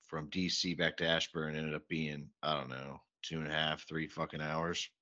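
Man in his thirties, low bright voice, swearing casual podcast chat on a dull lo-fi mic. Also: little pitch movement, moderate pace. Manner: profane storytelling, exasperated. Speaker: podcast co-host.

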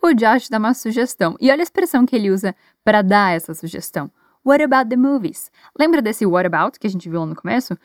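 A woman with a Brazilian Portuguese accent teaching an English lesson. She pronounces model phrases slowly and carefully, has learners repeat them after her, and encourages them. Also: fairly high pitch, expressive, no echo, studio quality.

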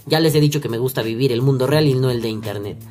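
A man's voice: medium pitch, fast, darkish tone, soft background music. A young Mexican man with a Mexican accent, telling a story in a crude, slang-filled, rambling vlog monologue. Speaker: vlogger.

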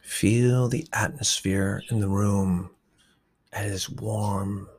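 Male meditation guide, very breathy and husky, low flat delivery, half-whispered. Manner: slow, soft, often whispered instructions.

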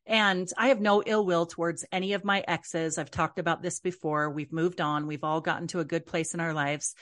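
A woman's voice: lowish voice, fairly bright tone. A woman in her forties talking frankly to listeners about single motherhood, in an earnest, confiding manner. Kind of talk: personal advice talk.

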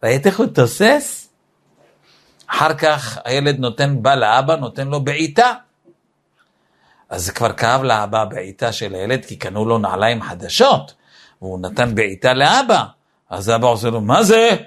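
A man giving a weekly Torah lesson on raising children. He teaches in an animated way and acts out family scenes as he goes. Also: mid-range voice.

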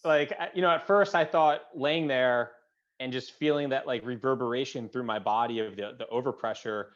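A man in his thirties, a veteran guest in an interview, telling his story in a halting way with many fillers and restarts, his voice dropping low at emotional points. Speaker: guest, combat-wounded veteran. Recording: dull, lo-fi sound.

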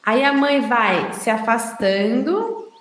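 A woman's voice: a little high, sing-song, slow, a bit bright. A woman with a Brazilian Portuguese accent giving casual, chatty advice to parents, often checking in with her listeners. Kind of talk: casual explanatory advice talk. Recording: roomy echo.

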